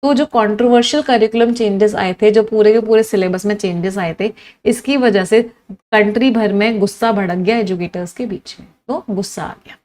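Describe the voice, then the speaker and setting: A woman's voice: a little high, darkish tone, rough recording. Indian woman teaching English vocabulary. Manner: lists words one by one, quizzes students. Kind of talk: online vocabulary lesson.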